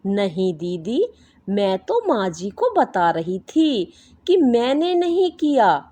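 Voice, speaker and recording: A woman voicing a meek, gentle young daughter-in-law who speaks softly and pleads in a storybook. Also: medium pitch, big pitch swings, takes it slowly, voice pushed down. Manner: soft, pleading. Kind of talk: storybook voice acting.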